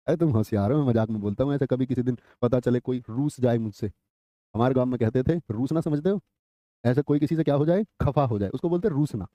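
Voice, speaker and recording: A man's voice: mid-range voice, fairly quick, dark tone, dry recording. A male teacher giving a live online exam class, drilling memory tricks, calling students brother and scolding them with a joke. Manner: scolding then joking, calls students brother. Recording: dull lo-fi dry sound.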